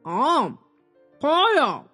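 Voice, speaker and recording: A woman's voice: sits high, wildly swooping pitch, very slow, bright, forceful tone, soft background music, full character voice. A woman voicing a grumpy uncle who speaks in a dismissive, grumbling way. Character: grumpy uncle, mouth full of cake.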